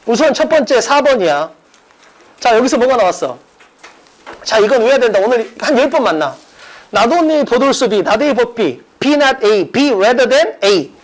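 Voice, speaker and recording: An English exam-prep teacher who also directs an academy explains a mock exam, speaking casually and emphatically to students. His medium-pitched voice swings widely and moves a little slowly, and the audio is poor. He drills points through repetition and rhetorical questions.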